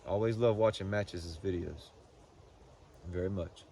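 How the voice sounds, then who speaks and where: A man giving a casual, unscripted product review in a halting, folksy way, often repeating words as he goes. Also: deep voice, warm tone, a little hiss or hum. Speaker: pipe tobacco reviewer.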